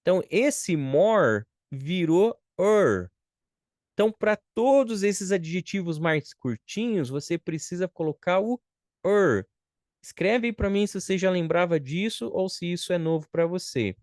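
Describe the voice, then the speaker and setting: A man from Brazil gives an online English grammar lesson, taking his time and drawing out each example sentence. His voice is smooth and clear. It is recorded dry on a close mic, with no room sound. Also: high-pitched, animated, darkish tone, dry recording. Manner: patient, drawn-out model phrases with frequent "ó" and "tá?" check-ins; slow and deliberate. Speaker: English teacher.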